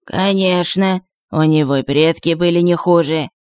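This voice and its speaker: A woman's voice: on the low side, moderate pace, a little mellow, smooth, no echo, clean studio sound, close to an everyday voice. Yaga, a shrewd old witch, read by a woman. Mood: knowing.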